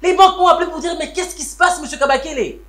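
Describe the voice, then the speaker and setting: A man's voice: on the high side, expressive, a little fast, close to an everyday voice. An actor with a Congolese French accent playing a wealthy man who looks after his siblings, switching between French and Lingala. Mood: angry, scolding. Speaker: wealthy family head. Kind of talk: Congolese TV series acting. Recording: roomy room with background music.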